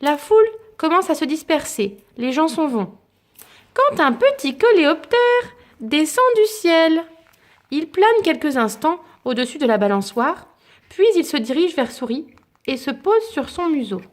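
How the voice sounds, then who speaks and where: A woman with a fairly high voice reads a children's picture book aloud to her child. Her storytelling is lilting and expressive, with dramatic pauses before each turn of the tale. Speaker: parent reading a story aloud.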